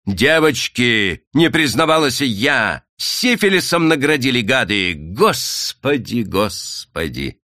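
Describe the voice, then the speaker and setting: Man reading as a young woman wronged and despairing, pleading slow, pitch all over, dry sound. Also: fairly bright tone, dry recording.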